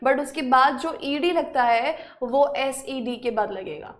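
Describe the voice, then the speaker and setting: Quizzing her class in a live online session, a spelling teacher speaks in a high pitch with an Indian accent. She praises her students briskly and presses them to be quicker.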